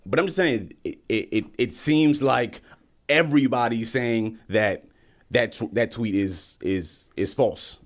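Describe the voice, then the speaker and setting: A man's voice: medium pitch, unhurried. A man from Nigeria, a guest on a casual podcast, speaking in a laid-back way that stumbles over and repeats words.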